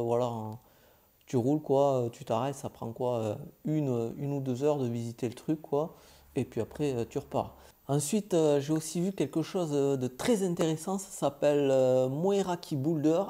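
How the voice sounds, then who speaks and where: A young man recapping his travels in a casual vlog, chatty and informal, pausing often on filler sounds. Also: medium pitch, mellow. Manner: hesitant, many filler "euh"s, chatty and informal. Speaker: travel vlogger.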